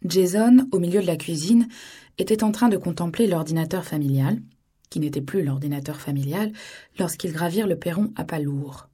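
A woman reading a novel aloud in even, measured scripted narration. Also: lowish voice, breathy edge. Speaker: audiobook narrator.

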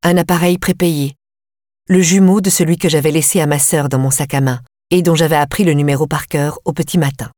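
Reading a first-person audiobook, this low-voiced female narrator keeps a calm, measured pace. The mic is close, and the sound is dry with no echo or room tone.

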